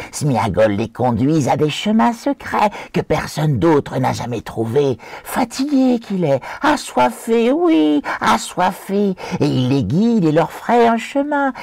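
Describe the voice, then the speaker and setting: A wretched little creature hisses and whines in a high, swooping voice, sly and wheedling as he stretches out each phrase. The sound is husky and dry, close and without room. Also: darkish tone, no room sound, heavily acted. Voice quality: hissing, sibilant.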